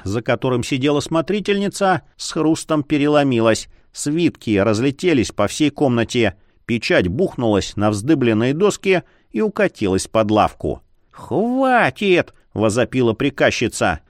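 A man narrating a fantasy audiobook in an expressive storytelling manner. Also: medium pitch, normal speed, hardly any pauses, no echo, clean studio sound.

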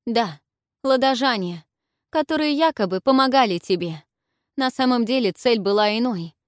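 A woman's voice: mid-range voice, lively intonation, normal speed, a little mellow, no echo, clean studio sound, natural voice. A woman voicing an anxious, proud young princess who speaks with tense urgency in a storybook reading. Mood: agitated.

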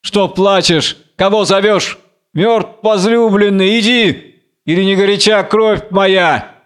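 A man's voice: high voice, slow, fairly bright tone, clear, resonant tone, voice pushed up. A man reading aloud as a blind, raging biblical strongman, with wild, taunting, exalted declamation. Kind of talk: theatrical audiobook reading.

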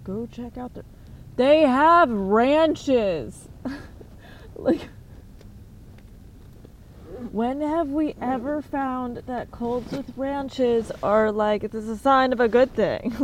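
A woman's voice: fairly high pitch, a little mellow, a little hiss or hum. A young woman in casual commentary, sarcastic and profane, with laughing asides.

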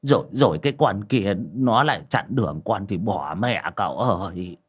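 A brash old village troublemaker, as a male narrator puts him on. He stammers and curses, and his husky voice swings wildly up and down. Storybook audio. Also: on the low side, lively intonation, moderate pace. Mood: pleading. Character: rowdy clumsy old village man.

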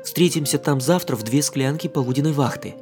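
A man's voice: medium pitch, a little fast, over music, lightly acted. A man reading an audiobook voices a playful, mocking young English woman in a raised voice. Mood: teasing.

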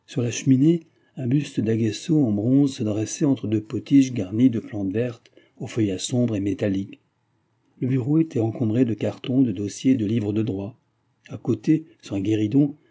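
A man narrating a classic novel as an audiobook in a measured, even manner. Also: fairly low pitch, slightly rough. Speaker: audiobook reader.

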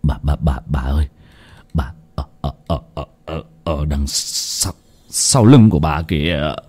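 A man voicing a terrified young village man who stammers in a shaky, hushed voice. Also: a bass voice, animated, measured pace, slightly rough, pitched below the performer's own voice, full character voice. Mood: trembling.

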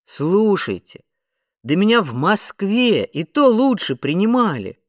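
A man's voice: sits high, big pitch swings, takes it slowly, no room sound, clean studio sound, pitched above the performer's own voice, full character voice. A man voicing an irate American television producer in an audiobook, with a hissing, furious delivery. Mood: indignant.

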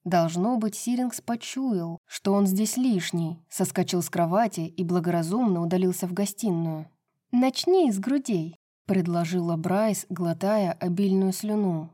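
A woman narrating a romance novel as an audiobook, in an even reading voice. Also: fairly low pitch, normal speed, few pauses.

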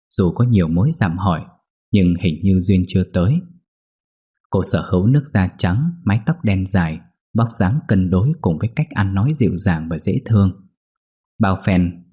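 A man narrating a ghost story in a steady, measured way. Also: deep voice, husky.

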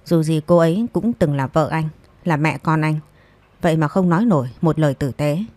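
A man's voice: on the high side, moderate pace, a little mellow, no room sound, close to an everyday voice. A woman voicing a cold, composed young man who speaks with icy firmness, in a storybook reading. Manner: icy, firm.

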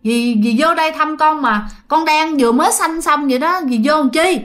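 A nervous young mother in a told ghost story, voiced by a woman, pleading in a raised, strained pitch. She sounds high-strung and on edge. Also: normal speed, fairly bright tone. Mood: puzzled.

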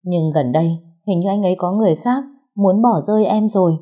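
A woman's voice: fairly low pitch, brisk, mellow, lightly acted. A woman voicing a tearful, pregnant young woman who pleads with her older sister. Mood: tearful pleading. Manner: sobbing, pleading.

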